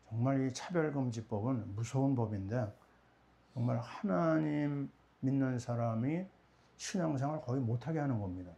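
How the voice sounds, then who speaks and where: Middle-aged man preaching a mellow sermon. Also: medium pitch. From Korea. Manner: rhetorical questions answered himself. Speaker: pastor.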